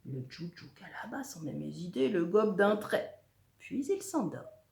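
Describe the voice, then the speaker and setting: A woman teacher reading a children's story aloud, expressive and at times dropping to a whisper. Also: fairly low pitch, a little slow, creaky, reverberant. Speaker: schoolteacher.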